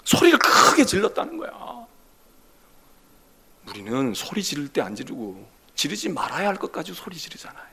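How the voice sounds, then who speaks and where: A man, a senior pastor, preaching a sermon dramatically, acting out quoted voices and swinging between loud exclamations and whispers. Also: on the high side, wildly swooping pitch, normal speed, gravelly, breathy edge.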